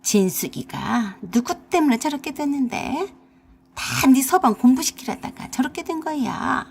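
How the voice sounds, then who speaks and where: A woman's voice: high voice, big pitch swings, measured pace, vocal fry, a little mellow, slightly rough, heavily acted. A woman voicing a bossy, scolding older mother-in-law with an in a radio drama. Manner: harsh, nagging, scolding.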